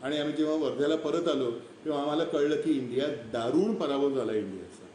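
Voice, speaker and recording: Man telling vivid wildlife stories, fairly high voice, mellow tone, distant mic, echoey room, faint background noise. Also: quick pace. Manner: vivid storyteller who imitates animal calls. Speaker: wildlife speaker. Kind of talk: storytelling talk on a live stream.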